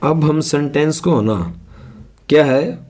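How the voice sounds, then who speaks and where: A man's voice: a little high, a little mellow. A man with a Hindi accent teaching a basic English lesson, spelling out words and asking his listeners simple questions. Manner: spells words letter by letter and asks rhetorical questions, reading English slowly. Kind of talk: classroom lesson explaining English words and sentences.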